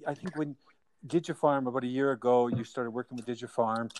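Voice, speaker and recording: A man hosts a casual remote podcast interview, rambling and self-deprecating, restarting often and laughing at his own jokes. His voice is medium-pitched and steady in tone, a little fast, and the recording is very noisy.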